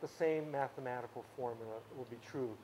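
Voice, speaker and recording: In a workshop room at a camp, this man, a music teacher of Ukrainian-speaking background, gives an informal lecture on sound. His mid-range voice is brisk, with background noise behind it. He explains at length and rambles, restarting often and leaning on "you know" and other fillers.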